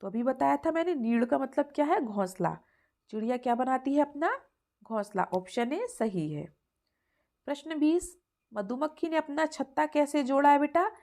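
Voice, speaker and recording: A woman's voice: high-pitched, lively intonation, normal speed, darkish tone. Patient woman teacher walking kids through answers. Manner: patient, repeats answers and calls the listener "beta". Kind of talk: explaining exam answers to young children.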